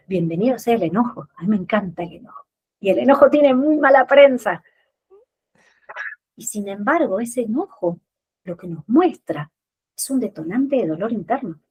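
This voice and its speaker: A woman's voice: mid-range voice, dark tone, breathy edge. A woman therapist speaking as an interview guest, explaining with rhetorical questions and little acted-out scenes.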